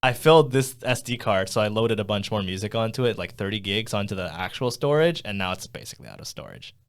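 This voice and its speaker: A man's voice: lowish voice, sing-song, quick pace, clear, resonant tone. A young man co-hosting a podcast in a small studio, rambling casually with lots of fillers and laughs. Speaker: podcast co-host. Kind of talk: casual chat. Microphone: studio condenser mic.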